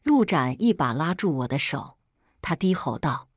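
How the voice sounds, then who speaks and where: Woman storyteller, steady scripted read, lowish and dry. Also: normal speed, husky, dry recording. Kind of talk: first-person scripted story narration.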